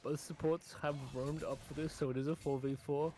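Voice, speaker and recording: Man, esports caster, play-by-play, fast excited calls, slightly high voice, from a home room. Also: poor audio. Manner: rapid, rising excitement during fights. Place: his own room.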